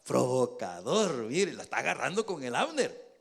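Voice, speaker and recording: A man's voice: mid-range voice, sing-song, normal speed, a bit bright. A male pastor preaching a sermon in a conversational way, checking in with his listeners and joking as he goes.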